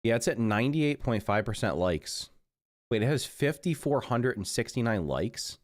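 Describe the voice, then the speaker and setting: A middle-aged man streaming a game chats casually and sounds congested, rambling along, often correcting himself mid-sentence and muttering while he's busy. His medium-pitched voice is expressive at a moderate pace. The recording is dry and clean, with studio quality.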